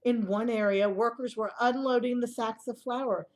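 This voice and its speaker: This woman has a fairly high pitch and reads at a normal speed, sharing a picture book aloud with young children. Her reading is expressive, sprinkled with asides and questions directed at the kids.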